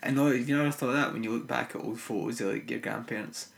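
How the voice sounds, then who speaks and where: A man's voice: medium pitch, fast, creaky. A man with a broad Scottish accent in casual podcast chat, blunt and sweary. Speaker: podcast co-host. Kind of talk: casual chat about films and music.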